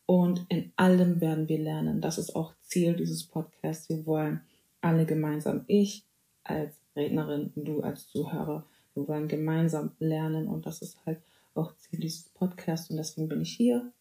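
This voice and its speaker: Low, gravelly-voiced young woman podcaster. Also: little pitch movement, normal speed, warm tone, reverberant. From Germany (Bavaria). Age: 20s. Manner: chatty, mixes German with English phrases, playful asides; praise interjections like amen and hallelujah. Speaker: podcast host. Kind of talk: casual solo podcast talk.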